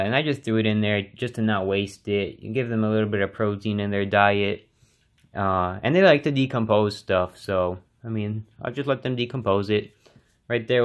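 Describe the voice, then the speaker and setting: Young man, casual vlog host, relaxed, chatty, filler-heavy. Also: fairly low pitch. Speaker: pet keeper and channel host.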